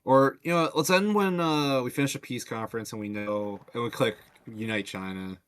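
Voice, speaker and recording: A man's voice: medium pitch, brisk, a bit bright, smooth. A man who develops a game mod, chatting loosely on a stream with lots of fillers and casual swearing. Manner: rambling, loose talk full of fillers and swearing.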